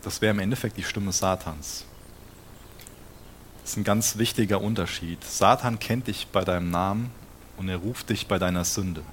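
A man's voice: deep voice, moderate pace, slight background noise. A man preaching a sermon in an earnest tone, often putting direct questions to his listeners.

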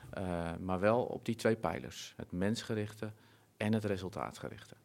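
Earnest, low-voiced Dutch-speaking man. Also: animated, a little slow, vocal fry, darkish tone. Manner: earnest, reflective, many fillers and restarts. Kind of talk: conversational interview.

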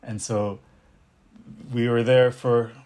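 Here a middle-aged man whose first language is Arabic, born in Detroit and raised partly in North Africa, teaches capoeira and martial arts. His medium-pitched voice is flat and a little mellow as he muses unhurriedly through a casual interview, restarting often.

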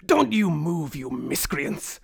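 Man putting on a pompous, high-pitched tyrannical marshal. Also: big pitch swings, slow, creaky, slightly rough, full character voice. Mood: menacing. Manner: tyrannical, commanding, indignant. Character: blustering, pompous male marshal barking orders. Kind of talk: tabletop role-play.

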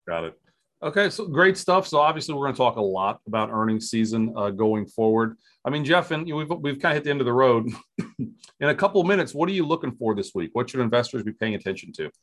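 An American man with a medium-pitched voice chats as a podcast host. He is informal and loose, rambling along in a casual conversational style. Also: animated, quick pace, a bit bright. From Ohio, United States. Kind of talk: casual chat.

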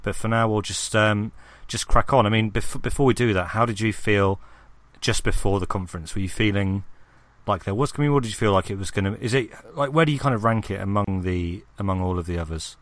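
Low-voiced man hosting a gaming chat. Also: fairly quick, no room sound. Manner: rambling, many ums and restarts, asks his co-host questions. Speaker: podcast host.

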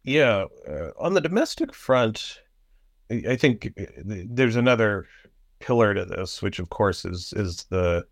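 A man analysing foreign policy in a halting way, with many fillers and restarts. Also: on the low side, animated, no echo, studio quality. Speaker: panel guest analyst. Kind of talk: policy discussion.

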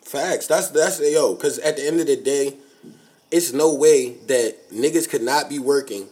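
A man, co-hosting a podcast in animated, joking slang. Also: medium pitch, measured pace. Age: 20s. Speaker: podcast co-host. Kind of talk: casual podcast chat.

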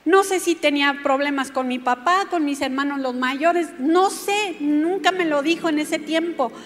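A woman preaches a sermon, telling her own testimony and turning to speak directly to her listeners. Her voice sits high. A long reverb trails behind her in a church hall. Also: normal speed, a little hiss or hum.

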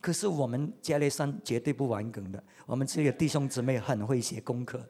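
A male pastor preaching a sermon with animated delivery, swinging between loud outbursts and quiet asides and repeating words for emphasis. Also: mid-range voice, fairly quick.

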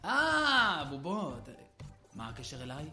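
A man's voice: a little high, wildly swooping pitch, music in the background, pitched above the performer's own voice. A man voicing a stubborn, indignant male puppet professor in a ventriloquist act who waves off everything he is told. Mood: dismissive. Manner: indignant, dismissive, clears throat a lot.

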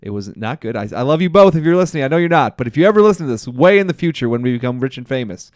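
A man co-hosting a podcast about running tabletop games, chatting casually and chiming in with quick agreement. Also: medium pitch, dry recording, studio quality. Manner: animated, quick interjections and agreement. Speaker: podcast co-host, game master. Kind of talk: casual chat.

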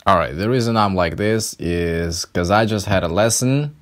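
A man's voice: low-pitched, normal speed, a bit bright. A man, an English tutor, talking in a casual podcast monologue, ranting and swearing in exasperation.

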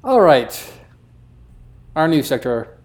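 A man's voice: on the high side, sing-song, takes it slowly, heavy background noise. A man co-hosting a casual racing podcast, dryly running a news segment. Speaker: podcast co-host.

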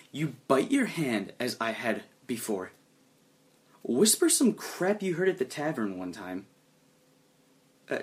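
A male game master narrates an adventure with a very animated, widely swinging pitch. He sinks into low, hushed tones for suspense, then rises again as the action picks up. His voice sits in a middle pitch range. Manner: lively, dramatic storytelling that drops low and hushed for suspense.

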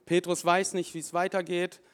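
A man preaching a sermon, telling the story lively and with emphasis and voicing the people in it. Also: high-pitched, normal speed, smooth. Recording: long hall reverb.

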